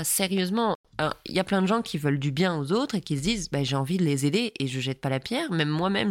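A woman's voice: sits low, no echo, clean studio sound. A woman hosting a podcast, sarcastic and a little tired, commenting casually and reading aloud while translating. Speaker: podcast host.

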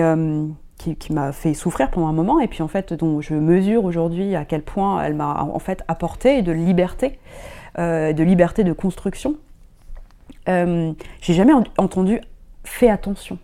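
A fairly low, mellow voice belongs to a middle-aged woman brought up in Germany. As a guest in a casual interview, she talks hesitantly, with many fillers and restarts.

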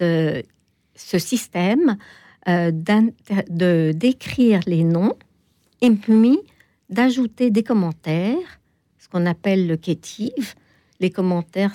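A woman guest explaining things in an interview, hesitant, with many pauses and fillers. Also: medium pitch, mellow, dry recording, studio quality. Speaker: toponymy expert guest. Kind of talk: interview answers.

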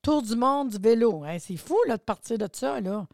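A woman's voice: on the high side, animated, moderate pace, gravelly, darkish tone, no echo. A woman with a Quebec French accent hosting a podcast interview, chatty and colloquial. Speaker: podcast host. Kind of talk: casual interview chat.

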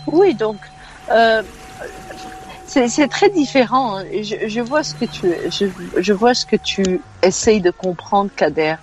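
A Belgian woman in her fifties phones into a radio show and shares her opinions frankly, often restarting sentences mid-thought. Her medium-pitched voice has lively intonation and an unhurried pace, with soft music in the background.

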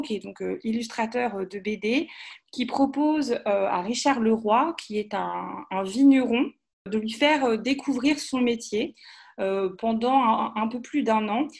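High-pitched woman, hesitant phrasing. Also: gravelly. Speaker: podcast contributor. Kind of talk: casual book review.

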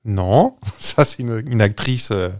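A man co-hosting a podcast, chatting casually and slowly giving out clues with many hesitations. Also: on the low side, animated, a little mellow. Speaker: podcast co-host. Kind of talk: casual banter, quiz-style teasing.

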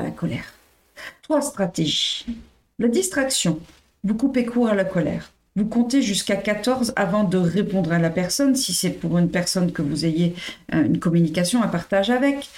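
Woman podcaster giving calm self-help tips, middle pitch, steady and measured, talks right to you. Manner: calm, measured, addresses listener directly. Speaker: podcast host. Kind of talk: explanatory self-help talk.

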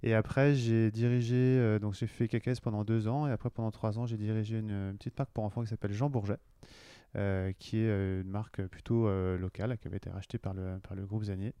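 His voice sits on the low side, steady and fast, mellow, clear and resonant, with no room sound. He is a forties-aged marketing director from western France, recounting his career in a conversational interview, halting often with fillers and restarts.

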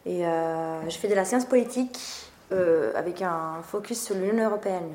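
Her voice is fairly low and dark, at a normal speed, as the young northeast Italian café co-owner chats casually in an interview. Hesitant, she leans on fillers and laughs a lot; the recording sounds roomy with faint noise.

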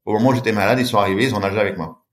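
A middle-aged long-distance swimmer, appearing as a podcast guest, tells a lively story and acts out the voices of the people in it. His voice sits fairly low and comes out rapid-fire.

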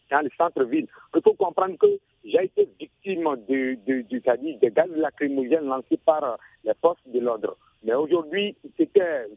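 A man's voice: on the high side, gravelly, slightly rough, no echo. Man calling in on a tinny phone line. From Benin. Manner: halting, many restarts, grows heated. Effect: phone call into a radio show. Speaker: radio show caller. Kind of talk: listener calling in to give his opinion.

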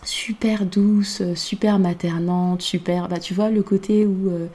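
A woman's voice: mid-range voice, steady tone, measured pace, dark tone. A woman from Côte d'Ivoire talking in a casual podcast conversation, reflective and hesitant, with many fillers.

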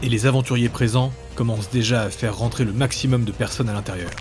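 A man narrating a fantasy story in a measured, dramatic way. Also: medium pitch, steady tone. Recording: background music.

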